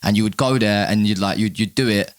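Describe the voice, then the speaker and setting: A man's voice: on the low side, quick pace, smooth. Candid man with London roadman accent. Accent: London, urban street. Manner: London roadman slang, candid, repeats words. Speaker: podcast guest, musician. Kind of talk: casual chat.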